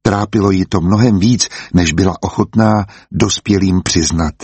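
A man reading an audiobook aloud in a calm, measured storytelling manner. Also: low-pitched, husky, no room sound. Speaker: audiobook narrator. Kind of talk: scripted audiobook narration.

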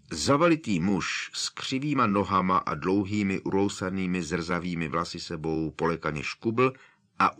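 A man narrating an audiobook with expressive, dramatic storytelling. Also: sits low.

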